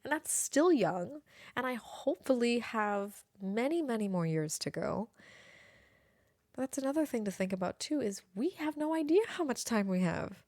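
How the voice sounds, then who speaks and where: On a dry, studio-quality recording, a woman in her late twenties talks in a slightly high, somewhat mellow, animated voice at a moderate pace. It's a casual solo podcast made at her home near an airport, reflective in tone, with phrases repeated for emphasis.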